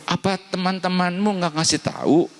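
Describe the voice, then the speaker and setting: A man voicing scolding ancestor spirits, high and scornful. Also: fairly even intonation, normal speed.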